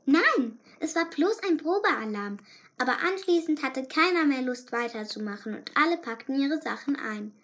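A woman's voice: high-pitched, expressive, normal speed, a bit bright. A woman reading a first-person story aloud in a chatty, confiding way. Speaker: audiobook narrator. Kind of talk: scripted first-person narration.

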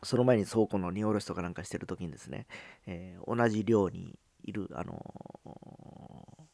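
A man from Fukuoka with a Hakata accent, telling a personal story in a casual monologue, pausing often on filler sounds. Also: sits low, gravelly, darkish tone, a little hiss or hum. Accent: Hakata dialect. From Fukuoka, Japan. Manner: halting, with frequent "um" fillers and drawn-out phrase endings.

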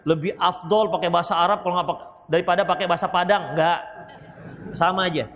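High-voiced preacher in a reverberant hall. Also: male voice, fast. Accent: Medan Indonesian. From Indonesia. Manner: lively, jokes and acts out wedding vows. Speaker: Islamic preacher. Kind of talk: hadith lesson and Q&A.

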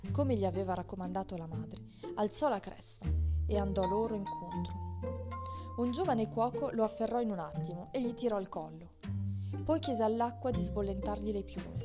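A woman narrating a fairy tale in an even, expressive read-aloud manner. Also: medium pitch. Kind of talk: storybook narration. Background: soft music.

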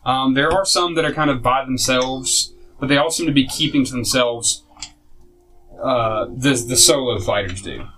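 A man's voice: mid-range voice, normal speed, a bit bright, slight background noise, rough recording. A man narrating a tabletop game as game master, casual and rambling, with many fillers and small laughs.

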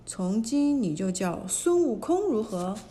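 Lady playing a stern old sage master, scolding, slow storybook voice. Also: mid-range voice, big pitch swings, warm tone, slight background noise. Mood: calm. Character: stern wise old male immortal master.

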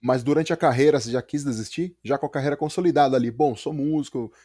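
A man hosts a relaxed podcast conversation with eager energy, often repeating words for emphasis. His voice sits at a middle pitch. The sound is dry and close. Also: quick pace, no room sound. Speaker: podcast host. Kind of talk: casual podcast interview.

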